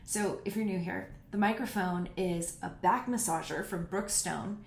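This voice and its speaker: A woman in her 30s with a voice on the low side talks through listener questions at a moderate pace on her casual solo podcast. She is blunt and candid about personal topics, and the room echoes noticeably.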